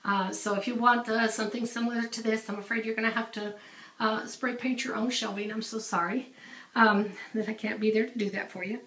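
In an echoey small tiled laundry room, a home organizing vlogger gives a relaxed tour while filming handheld, the camera mic off screen. Her slightly high voice is steady, brisk and a bit bright, peppered with ums and restarts.

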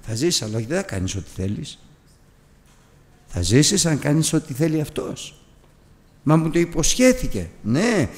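A man preaching a sermon in a church, telling a personal story as a lively storyteller and putting questions to the congregation. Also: a little high. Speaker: pastor. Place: church hall. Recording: long reverb of a church hall.

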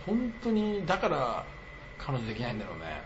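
Blunt, lively-pitched man chatting on stream. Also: a little fast, dull audio, noisy background. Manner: blunt, teasing, with frequent laughter. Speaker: live streamer. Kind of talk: casual livestream chat.

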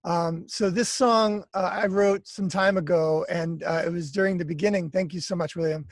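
A man's voice: high-pitched, moderate pace, no echo. A man in his thirties from the United States, a musician talking casually and apologetically on a video call, with lots of fillers. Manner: relaxed, chatty, apologetic, many fillers. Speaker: guest speaker, musician. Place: outdoors by trees, garden. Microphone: laptop webcam on video call.

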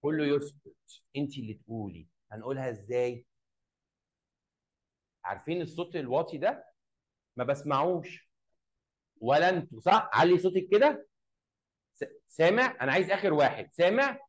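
A man with an Egyptian accent teaching an English lesson to a class. He drills short phrases slowly, repeats them and quizzes his pupils. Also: on the high side, lively intonation, low-quality recording. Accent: Egyptian Arabic.

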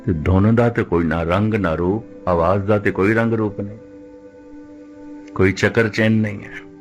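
A man preaching a religious discourse in a measured, deliberate way, slowing right down when he quotes scripture. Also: fairly low pitch, steady tone, faint music behind. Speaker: Sikh preacher.

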